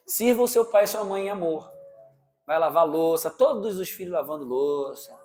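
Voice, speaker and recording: A Brazilian man preaching a sermon, animated, firing rhetorical questions at the congregation and acting out parents and children in quick asides. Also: on the high side, soft background music.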